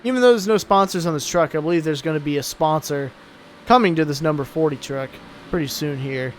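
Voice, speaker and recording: A young man calls an online truck race in a relaxed, drowsy way. His voice sits a little high. A faint hum of noise runs under the recording. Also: fairly quick. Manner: laid-back, tired, yawning between calls. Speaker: race commentator. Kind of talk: casual sim-racing commentary.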